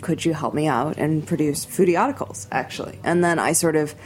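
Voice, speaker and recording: A woman guest on a radio show, chatting casually and quickly about the food events she co-organizes. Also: low-pitched, slight background noise. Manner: quick, chatty, many fillers.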